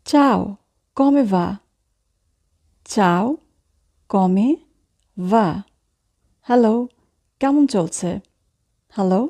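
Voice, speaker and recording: Woman language teacher, slow deliberate pace, mellow dark tone, repeats words one by one. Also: mid-range voice. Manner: slow, careful, spelling out each word. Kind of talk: slow language lesson, repeating phrases word by word.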